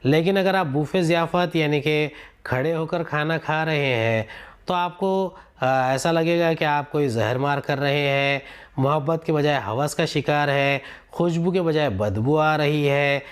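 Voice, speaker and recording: Urdu teacher explaining a textbook passage. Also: male voice, fairly high pitch, smooth. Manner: reads a passage aloud, then explains it with questions to students.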